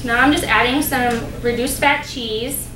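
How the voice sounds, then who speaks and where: Talking unhurriedly in a somewhat high voice, a young dietetic intern walks through a recipe step by step for a cooking demo, friendly and explanatory, peppering her speech with ums and uhs. A distant camera mic captures her across a big, echoing kitchen, with a constant background hum of noise.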